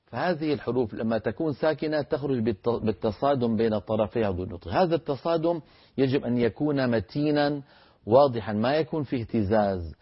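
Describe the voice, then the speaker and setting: A man teaching Quran recitation on a televised lesson. He chants verses slowly as examples and breaks words into single sounds to demonstrate them. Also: medium pitch, animated, breathy edge, muffled recording.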